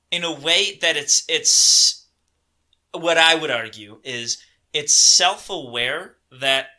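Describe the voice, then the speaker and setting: A young man co-hosts a casual film podcast, talking slowly as he hunts for his words. His voice is very bright and sharp, and he restarts his sentences often. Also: a little high. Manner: slow and searching, many ums and restarts. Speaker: podcast co-host.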